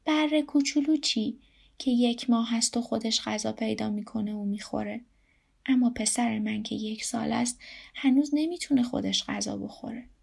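Fond young mom in a storybook, a woman reading her, kinda high, gravelly. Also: a little mellow, exaggerated voice. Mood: worried. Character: simple-hearted young mother, fond of her son.

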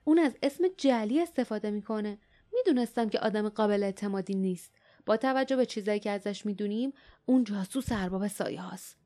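A fierce, distrustful young heroine from a storybook, firm and decisive, her voice a little louder and quicker than plain talk, as a woman narrator puts her on. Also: medium pitch, lightly acted. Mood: angry.

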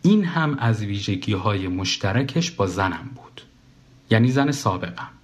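A man's voice: on the low side, lively intonation. A man reading a comic first-person story aloud as the narrator, in a dry, wry tone.

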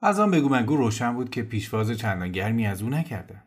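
A man narrating a novel in a calm, measured storytelling voice. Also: medium pitch, breathy edge.

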